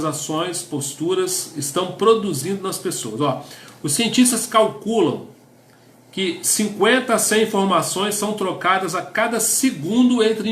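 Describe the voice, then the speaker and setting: This high-pitched, fairly bright voice belongs to a middle-aged Brazilian pastor with a Brazilian Portuguese accent, teaching couples in a chatty sermon. The recording is reverberant with slight background noise. He frequently adds a questioning "né?" and reads definitions out loud.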